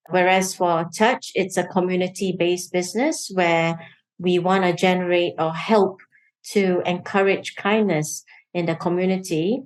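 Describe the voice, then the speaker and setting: A woman's voice: on the low side, low-quality recording. A cheerful, giggly middle-aged woman from Singapore, chatting as a guest in an interview. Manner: cheerful, giggly, laughs easily. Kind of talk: casual interview chat.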